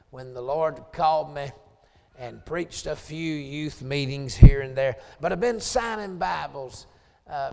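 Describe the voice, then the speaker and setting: In a church sanctuary, a Southern US man in his late forties preaches a revival sermon, slipping into quiet joking asides with the congregation before climbing to hollered scripture. His voice is on the high side with vocal fry, and the sound fills a big room.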